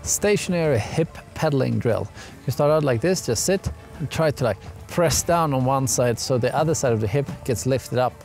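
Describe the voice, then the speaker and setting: A man's voice: mid-range voice, expressive, moderate pace, gravelly, a little mellow. A young man giving a casual ski lesson to camera, outdoors on a mountain. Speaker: ski instructor. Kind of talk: casual instructional talk to camera. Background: music.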